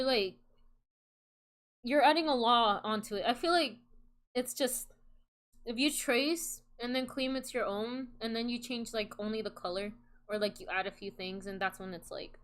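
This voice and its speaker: A woman's voice: a little high, unhurried, pauses often. A young adult woman live streamer chatting casually in a rambling, self-deprecating, slangy way. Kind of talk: casual livestream chat. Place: indoors, solo at a computer on a voice call setup. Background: background music.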